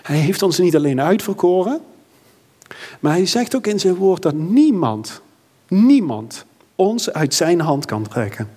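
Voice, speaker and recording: A man's voice: high-pitched, big pitch swings, a little slow, dark tone, big-room sound. A man preaching a sermon and leading prayer in a church, earnest and building to fervent emphasis. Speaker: pastor.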